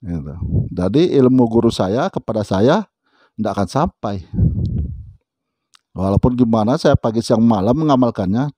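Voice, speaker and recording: This storyteller shares something that happened to him, chatting casually and dropping in frequent little asides to the listener. He has a warm, mid-range voice, recorded dry.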